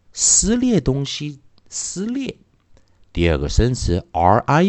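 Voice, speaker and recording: A man's voice: mid-range voice, a little mellow. A man who teaches English phonics in a recorded lesson. He is patient and repeats each sound many times over.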